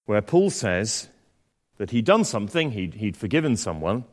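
In a church with a long echoing tail, a man preaches and reads scripture in a sing-song, somewhat low, slightly croaky voice at a moderate pace. He talks conversationally and pokes fun at himself, often using fillers and starting over.

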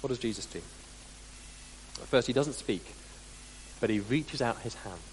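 A man preaching a sermon as dramatic storytelling, deliberate and full of pauses, with sudden drops into quiet, in a large hall. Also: mid-range voice. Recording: long hall reverb, faint hum.

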